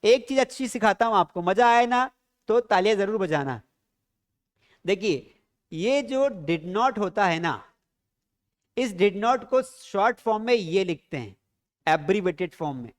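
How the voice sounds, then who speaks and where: A man's voice: high-pitched, animated, measured pace, long pauses. A man teaching a spoken English lesson, explaining patiently, asking the viewers questions and drilling pronunciation.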